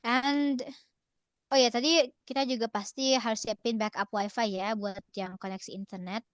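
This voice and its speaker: A woman's voice: fairly high pitch, steady tone, moderate pace, no room sound. A young woman presenting an online workshop from a relative's home in a casual, cheerful way, often laughing and slipping in English phrases. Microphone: video call.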